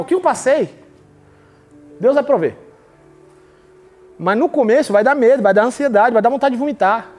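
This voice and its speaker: Man, high voice, emphatic devotional podcast preacher who acts out quoted voices.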